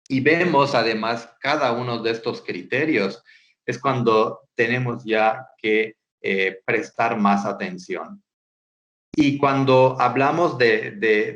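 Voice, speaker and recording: A man's voice: lowish voice, fairly bright tone, dull audio. A man, a school psychologist giving a webinar presentation, hesitant and often repeating words and checking in with rhetorical questions.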